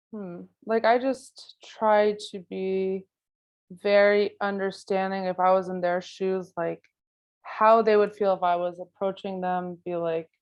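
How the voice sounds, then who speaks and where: Over dull audio, a woman with a mid-range voice answers interview questions as the guest photographer at an artist talk. Spanish is a second language for her, not her first. Her tone is casual, and she reasons out loud with many "like"s and "you know"s.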